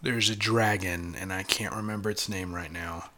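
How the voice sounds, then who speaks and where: A man's voice: low voice, steady tone, normal speed, sharp tone, slight background noise. Male co-host, casual and eager, tends to ramble and over-explain. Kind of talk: casual chat.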